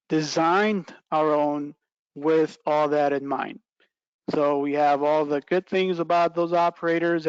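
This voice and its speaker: Presenting a webinar as a product trainer, a middle-aged man walks through a product informally and step by step on a video call, dropping "right" and "okay" to check in. He's in a small plain indoor room. His voice is slightly high and smooth, with no echo and the highs cut off.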